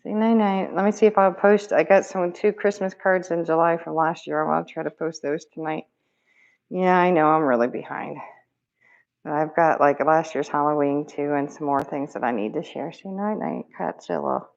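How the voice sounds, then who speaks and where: Chatty woman vlogger, low and husky-deep pitch, muffled phone-recorded sound, easygoing crafter. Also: steady tone, normal speed. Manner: chatty, with loose fillers. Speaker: crafter showing her resin work. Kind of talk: casual chat to camera. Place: at home.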